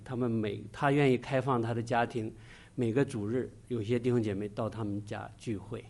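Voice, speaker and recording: Middle-aged male preacher at mid pitch, earnest, stops and restarts mid-sentence while sharing testimony. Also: creaky. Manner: earnest, halting, pausing often mid-sentence. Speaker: church preacher. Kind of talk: sermon with personal testimony.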